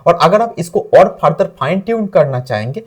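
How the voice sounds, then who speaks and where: Husky man teaching chart trading. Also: fairly high pitch, animated, a little fast. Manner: mixes English trading terms into Hindi, points at the chart. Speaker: trading instructor. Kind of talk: explaining chart examples.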